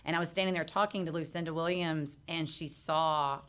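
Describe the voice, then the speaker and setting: A woman with a Texan accent talks as a guest musician in a relaxed interview, telling stories with lively asides. Her voice sits a little low. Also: clean tone. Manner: lively storyteller, quick, laughing asides. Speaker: band member guest. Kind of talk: casual interview chat.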